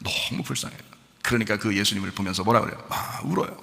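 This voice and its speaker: A man preaching at a very fast clip, his voice bright and sharp-edged. He keeps firing rhetorical questions at his congregation and answering them himself, rising and falling in a lively, animated way. His words trail off into the long reverb of a church hall. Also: fairly low pitch, gravelly. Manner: animated, jumps between quiet asides and loud emphasis. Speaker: pastor. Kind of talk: sermon. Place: church sanctuary.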